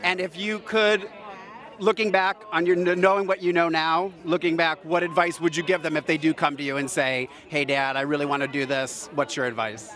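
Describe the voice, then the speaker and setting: Gushing red carpet host, bright high-pitched man. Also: little pitch movement, fairly quick. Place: outdoors on a busy red carpet. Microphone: handheld microphone. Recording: outdoor event with crowd chatter.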